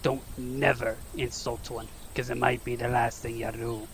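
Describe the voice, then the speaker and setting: Hagrid, a man playing a very gravelly, hearty gamekeeper. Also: mid-range voice, flat delivery, moderate pace, a little hiss or hum, natural voice. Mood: proud, instructing. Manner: folksy, rustic, encouraging. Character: big hearty gruff gamekeeper teaching class, eager, protective.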